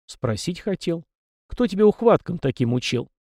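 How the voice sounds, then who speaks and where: A man reading an audiobook, voicing a weary, guarded middle-aged centurion who asks measured, probing questions. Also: fairly high pitch, very animated, mellow, no room sound, clean studio sound, pitched above the performer's own voice.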